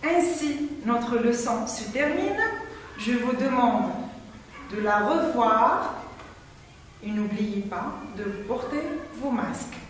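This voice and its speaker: A woman teaching a children's French lesson slowly and clearly, reading example sentences aloud and encouraging her pupils. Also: a little high. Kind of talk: slow classroom lesson for children. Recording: echoey distant hall with faint noise.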